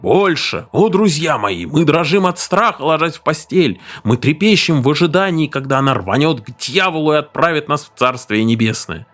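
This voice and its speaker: A man's voice: medium pitch, animated, fast, natural voice. A man doing a blustering farmer father. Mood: boastful. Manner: blustering, shouting, then whispering. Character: boastful, excitable farmer father.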